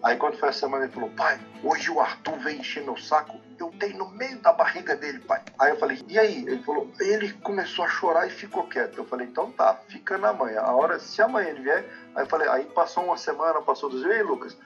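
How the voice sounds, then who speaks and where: Man, middle-aged, from brazil, fast talker, somewhat high voice, animated storyteller, dull lo-fi audio, music behind. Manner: animated, acts out quoted dialogue. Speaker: podcast co-host. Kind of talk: casual chat, storytelling.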